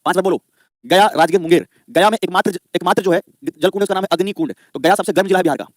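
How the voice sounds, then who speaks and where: Fast-talking teacher, dry close mic. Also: male voice, sits high, no room sound. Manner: drills students with repeated questions and answers. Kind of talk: live online exam-prep class.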